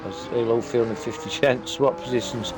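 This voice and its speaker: A male race commentator calls a sim racing series live, filling gaps with short pauses and fillers while he tracks the cars. His voice climbs higher and gets more excited as the battles tighten. There is clear background noise behind him. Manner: excited, rising pitch in close battles; fillers and brief pauses while following the action.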